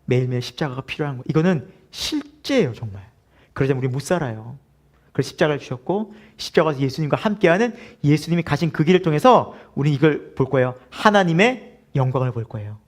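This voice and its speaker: A male pastor preaching a sermon to his congregation. He talks in an animated way, moves from loud laughing asides to hushed earnest lines, and acts out inner voices and short quoted lines. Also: a little high, quick pace.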